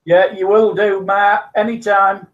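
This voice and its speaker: A man chats casually as a guest on a live stream, often stopping and restarting his sentences. His voice sits fairly high, and the audio comes through dull and lo-fi. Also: flat delivery, a little slow. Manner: hesitant, many restarts, laughs along.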